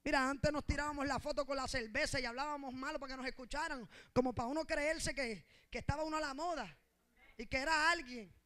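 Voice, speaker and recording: A woman pastor with a Puerto Rican accent, preaching an impassioned sermon that swings between shouting and soft asides. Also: high voice, fast. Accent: Puerto Rican Spanish. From Puerto Rico.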